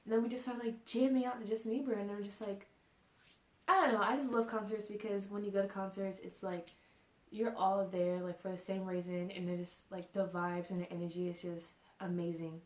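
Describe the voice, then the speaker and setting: A woman's voice: mid-range voice, level tone, a little fast. Chatty young woman in a roomy room. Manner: chatty, many fillers, laughs often. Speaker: vlogger. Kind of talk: casual storytime. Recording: roomy echo.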